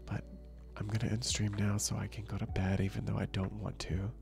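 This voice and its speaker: A young man talks softly and slowly in a relaxed, soft-spoken ASMR manner as he chats with viewers. His voice sits low and has a heavily gravelly, fry-filled texture. Faint relaxing music plays behind him. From northern region. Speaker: streamer.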